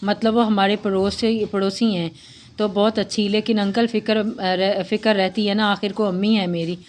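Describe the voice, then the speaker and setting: A woman's voice: mid-range voice, little pitch movement, normal speed, close to an everyday voice. A woman voicing a bubbly, teasing young girl in a read-aloud story. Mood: chirpy. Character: chirpy cheeky young girl.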